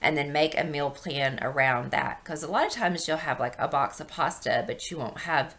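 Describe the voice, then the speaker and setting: Wheezy, low-pitched woman with gravelly croak. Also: normal speed, a bit bright. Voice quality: wheezy, breathy intake from asthma. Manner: rambling, conversational, explanatory. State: hoarse with a chest infection. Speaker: video blogger. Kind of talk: casual personal vlog.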